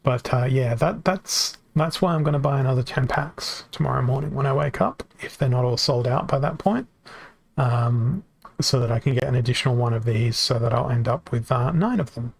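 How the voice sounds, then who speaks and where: Streaming a card game from home, a man talks into his desk mic at a normal speed, his medium-pitched voice carrying vocal fry with no echo. He thinks aloud and keeps correcting himself in casual commentary, and hours of talking have left his voice worn.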